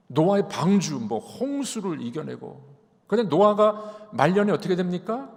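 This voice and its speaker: Animated preaching man in reverberant hall. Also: fairly high pitch. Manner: animated preaching, swinging loud and soft, many rhetorical questions. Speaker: senior pastor. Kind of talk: sermon. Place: church sanctuary. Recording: long reverb of a large church hall.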